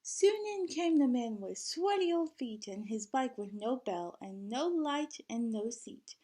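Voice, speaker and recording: Reading a picture book to small kids, a woman with a voice on the high side sounds expressive and teacherly. Every so often she stops to ask the children questions.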